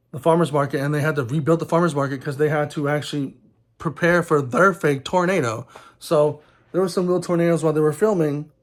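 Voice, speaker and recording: A man's voice: fairly high pitch, darkish tone. Rambling man reviewing a movie. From Texas. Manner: rambling, many ums and restarts. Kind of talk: casual film review vlog.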